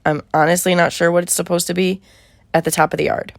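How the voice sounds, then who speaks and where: Young woman, creaky, dry close-up voiceover. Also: on the low side, flat delivery, fast, no room sound. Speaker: vlogger. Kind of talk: casual vlog voiceover narration.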